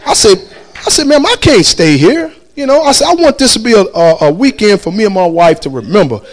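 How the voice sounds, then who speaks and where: A man's voice: high-pitched, quick pace. A man telling a story casually, acting out the people he quotes and laughing as he goes. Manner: animated, acts out quoted voices, laughs often.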